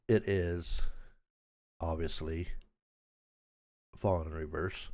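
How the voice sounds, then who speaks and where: An older man chats through a livestream in a deep, low voice with a gravelly crackle, still raspy from a sore throat. He rambles along in an easygoing way, and the sound is dry and close with no room echo. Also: a little mellow. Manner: rambling, easygoing, laughs at himself. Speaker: channel host. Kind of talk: casual livestream chat.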